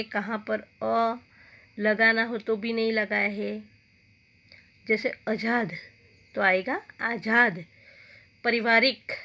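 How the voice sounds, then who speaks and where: Woman, school teacher, grammar lesson, slow, bright tone. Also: fairly high pitch, vocal fry. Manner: slow, deliberate, repeats each word twice.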